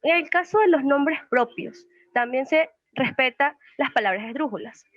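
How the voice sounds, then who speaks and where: A woman's voice: high voice, lively intonation, normal speed, no room sound. A young woman, a student, reading a class presentation that poses questions and then answers them. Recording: muffled lo-fi recording.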